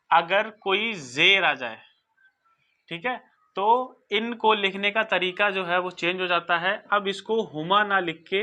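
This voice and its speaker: A teacher giving a recorded lesson, explaining slowly and patiently, sounding out word forms and often checking that listeners follow. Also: mid-range voice, sharp tone. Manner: patient, repeats and checks understanding. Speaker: Arabic grammar teacher. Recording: dull lo-fi recording.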